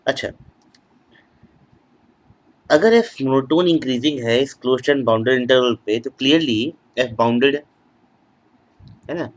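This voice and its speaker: A man's voice: mid-range voice, low-quality recording. A man giving a recorded online math lecture, mixing Hindi with English terms and repeating phrases as he writes them out. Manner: slow, repeats phrases while writing on board.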